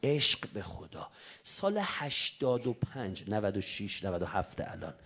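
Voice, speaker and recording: A man preaching a religious sermon to young listeners, swinging between loud urging and soft whispered asides. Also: lowish voice, lively intonation, husky.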